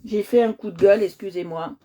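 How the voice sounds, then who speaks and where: A woman's voice: medium pitch, brisk, dark tone, a little hiss or hum. A woman hosting a coloring livestream, chatting casually with her viewers and often repeating herself as she checks in with them.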